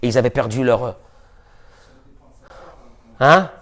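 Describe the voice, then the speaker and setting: A man who is a rabbi, giving a lively sermon, with sudden shouts and low asides. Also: slow pace. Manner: animated, shifts between shouting and muttering.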